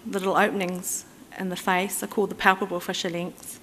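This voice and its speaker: A woman's voice: mid-range voice, flat delivery, fairly quick, a bit bright, a little hiss or hum. Woman lecturing in a reverberant hall. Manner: explanatory, conversational, with fillers and restarts. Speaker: conference speaker. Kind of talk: conference presentation. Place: conference hall.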